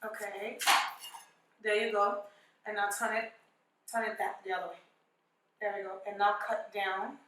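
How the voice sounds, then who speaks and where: Bright young woman with hoarse voice. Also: mid-range voice, flat delivery, moderate pace, pauses often. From Nigeria. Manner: playful, brash, swears jokingly. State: voice partly gone. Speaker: cooking vlogger. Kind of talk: casual cooking tutorial. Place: home kitchen. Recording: very echoey kitchen.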